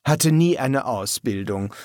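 A man voicing a polite, patient male vampire recruit who answers calmly and courteously, in an audiobook. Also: mid-range voice, slow pace, no room sound, clean studio sound.

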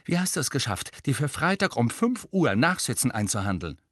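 A man's voice: mid-range voice, sing-song, fairly quick, no echo, clean studio sound, pitched above the performer's own voice. A man voicing a furious, bossy teenage girl who is a team captain and scolds angrily. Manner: angry, scolding, hissing.

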